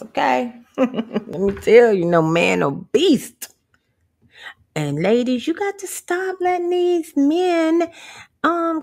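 A brash, profane woman ranting to her viewers. She laughs often, her voice swings widely, and it has a gravelly fry. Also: a little high. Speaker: vlogger. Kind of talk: motivational rant.

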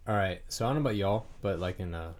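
A man's voice: low-pitched, fast. A man in his twenties, co-hosting a podcast in a rambling, casual chat full of fillers and swearing. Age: 20s. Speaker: podcast co-host.

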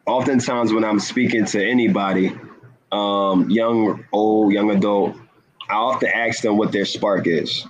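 A man speaking as a guest in an inspirational talk, earnest and measured, stressing key words. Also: lowish voice, steady tone, rough recording. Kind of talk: inspirational talk-show conversation.

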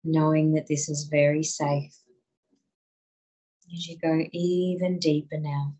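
A woman guiding a listener through muscle relaxation in a slow, soothing voice. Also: low-pitched, level tone, dark tone, husky, lo-fi sound. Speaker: relaxation guide. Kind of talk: guided relaxation.

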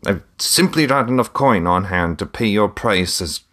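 A man's voice: fairly low pitch, animated, moderate pace, fairly bright tone, pitched above the performer's own voice. A man voicing a shrewd older merchant who haggles with theatrical flair in a read-aloud story. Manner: theatrical, bargaining.

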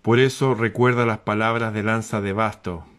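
A man giving a lively spiritual talk to an audience, asking rhetorical questions and dropping suddenly to a hush. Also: fairly low pitch, normal speed. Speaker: motivational speaker.

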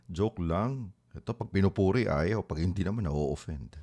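An actor playing an affectionate, teasing boyfriend in a radio drama, playful and quick to laugh. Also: male voice, low voice, animated, mellow, exaggerated voice. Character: affectionate teasing boyfriend, a few years older.

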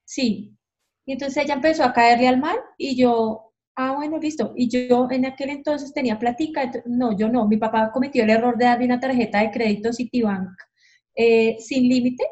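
A woman's voice: fairly high pitch, fairly even intonation, normal speed, a little mellow. A woman telling her stories as a podcast guest, frankly and with animation, acting out the voices she quotes. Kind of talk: candid storytelling. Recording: dull lo-fi sound.

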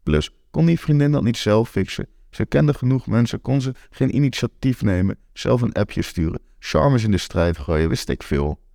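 A man's voice: mid-range voice, expressive, moderate pace, gravelly, hardly any pauses, mellow, no room sound, clean studio sound. A man in his twenties reading a first-person story aloud, candid and wry. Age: 20s. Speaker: narrator.

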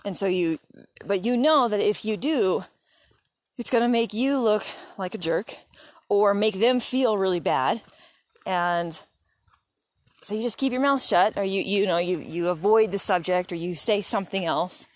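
A woman's voice: medium pitch, unhurried, no room sound. A mother talking casually and encouragingly to her viewers while out on an early morning walk by a creek. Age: adult mother of young kids. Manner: chatty, encouraging, talks directly to viewers. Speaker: vlogger. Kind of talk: casual motivational vlog. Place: outdoors by a creek in the woods.

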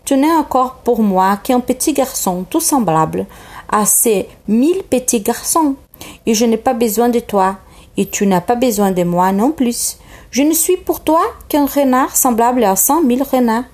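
A woman with Portuguese as her first language voicing a lonely, wise fox in a slow, gentle read-aloud of a storybook. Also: on the high side, lively intonation. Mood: wistful.

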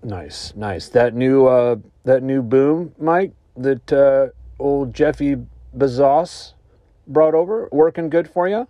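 Slow, mock-earnest male podcast host. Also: dry recording, highs cut off. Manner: deadpan, mock-earnest with sudden high-pitched outbursts. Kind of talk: comedic mock-anxious rant.

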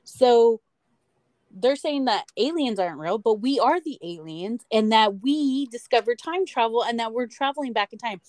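A woman's voice: on the high side, expressive, moderate pace, a little mellow, no echo. An American woman co-hosting a podcast, talking in a rambling, emphatic way and swearing freely. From United States. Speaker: podcast co-host. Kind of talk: casual chat.

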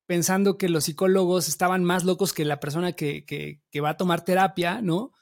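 A man's voice: high voice, fairly even intonation, brisk, vocal fry. A man in his thirties with a Mexican accent, hosting a podcast in a casual, slangy way full of fillers. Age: 30s. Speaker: podcast host. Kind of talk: casual interview talk.

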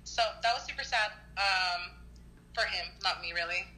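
A woman's voice: medium pitch, moderate pace, pushed and bright, rough recording. A woman in her early twenties, chatting casually on the phone, rambling with lots of "like"s and coughing now and then as she gets over an illness. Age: early 20s.

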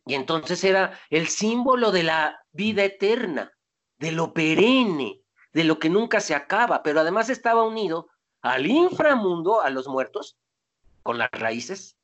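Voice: medium pitch, very animated, unhurried, fairly bright tone. A lecturer giving an informal talk, digressing often, asking rhetorical questions and answering them.

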